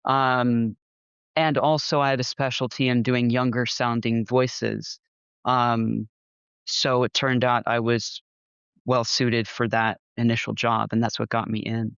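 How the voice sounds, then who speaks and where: A man from Texas who narrates audiobooks talks hesitantly, with frequent fillers. His voice is smooth and clear, but the recording is slightly dull and lo-fi, with a dry close sound. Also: medium pitch, little pitch movement, measured pace, fairly bright tone, no echo. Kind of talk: casual interview chat.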